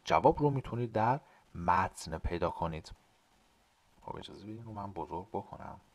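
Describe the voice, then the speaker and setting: Male language teacher with a low, lively voice; slow, careful German, brisk asides. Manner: reads German slowly and deliberately, explains quickly in casual Persian. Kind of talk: language lesson, reading German lines then explaining in Persian.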